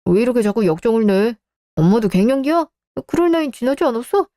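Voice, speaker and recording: A woman's voice: a little high, expressive, quick pace, mellow, no echo, studio quality, natural voice. A woman playing a whiny, defensive grown son. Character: grumbling adult son, a stressed civil servant. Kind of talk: Korean radio drama acting.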